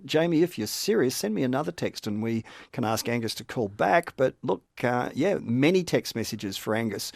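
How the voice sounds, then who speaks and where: A man's voice: mid-range voice, creaky, dry recording. Aussie talkback host guy, chatty and sympathetic, dead dry studio mic. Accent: Australian. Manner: sympathetic, conversational, addresses caller by name. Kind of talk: talkback radio chat. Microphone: studio microphone.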